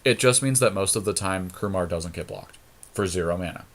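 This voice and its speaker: Thinking out loud in colloquial, casual speech, a man who hosts a podcast and plays card games gives commentary on a draft. He speaks fairly quickly in a low-pitched voice.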